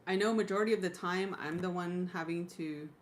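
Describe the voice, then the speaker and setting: A woman's voice: on the low side, fairly quick. A woman chatting casually as co-host of a live stream. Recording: clearly noisy, with room ambience.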